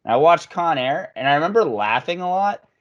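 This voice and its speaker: A man's voice: fairly high pitch, animated, brisk, highs cut off. A man co-hosting a movie podcast, talking loosely and laughing, with frequent swearing. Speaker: podcast co-host. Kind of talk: casual movie chat.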